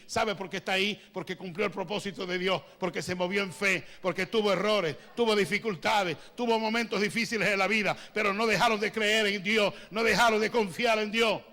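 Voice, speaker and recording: Male pastor, high voice, preaching with sudden drops to a hush, speaks in tongues. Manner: swings from loud preaching to hushed, drawn-out lines. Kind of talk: sermon. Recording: long hall reverb.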